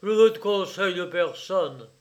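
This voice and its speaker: A man voicing a frightened, angry middle-aged land dealer who shouts loud and indignant at his son. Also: sits high, expressive, extremely slow, voice pushed up, full character voice. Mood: blustering anger.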